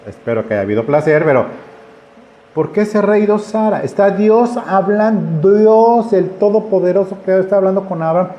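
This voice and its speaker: A man's voice: high voice, lively intonation, normal speed, dark tone, lo-fi sound. A man preaching a conversational sermon, acting out the voices in his stories. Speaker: pastor. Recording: echoey room with faint ambience.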